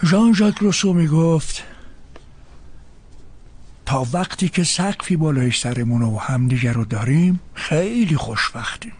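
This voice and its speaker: A man's voice: a little high, lively intonation, a little mellow, slightly rough. A man dubbing a patient husband who soothes his tearful wife. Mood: soothing. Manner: soothing, reassuring. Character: gentle comforting husband, patient and warm-hearted. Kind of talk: dubbed drama acting.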